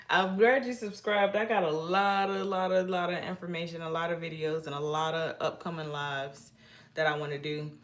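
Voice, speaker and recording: This livestream host, a middle-aged woman from Massachusetts, speaks at a moderate pace in a steady, lowish voice. She chats casually with viewers, shy and rambling, with lots of restarts.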